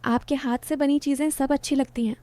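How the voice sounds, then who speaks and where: A woman storyteller voicing an infatuated young man, a student, who speaks softly and earnestly. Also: high-pitched, steady tone, brisk, dry recording, close to an everyday voice. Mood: earnest, tender.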